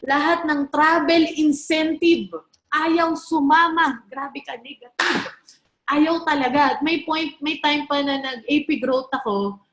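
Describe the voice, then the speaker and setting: A woman's voice: sits high, fairly bright tone, echoey room. A woman around thirty giving a chatty motivational talk about network marketing to a live audience, telling stories and asking the crowd questions. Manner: chatty storytelling, mixing in English, asks the crowd questions.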